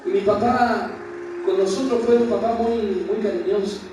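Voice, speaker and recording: A man's voice: sits high, fairly even intonation, normal speed. A man, preaching a Bible study sermon in a church hall and putting questions straight to the congregation with passion. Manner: impassioned, questions the congregation directly. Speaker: pastor. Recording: very echoey hall, voice from far off with background noise.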